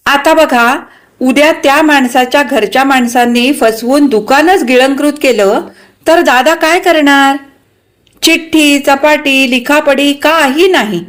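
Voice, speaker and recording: A woman reading a story aloud, voicing a blunt, sharp-tongued middle-aged sister-in-law who talks loudly and emphatically. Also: high-pitched, a little slow, pitched above the performer's own voice. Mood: indignant. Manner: loud, scolding and emphatic.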